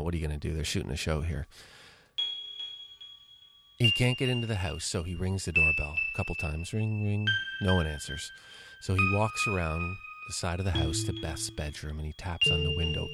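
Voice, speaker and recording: A man hosting a podcast, retelling an old crime episode scene by scene with wry, sarcastic asides. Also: low voice. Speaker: podcast host. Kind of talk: casual episode recap. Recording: loud music behind the voice.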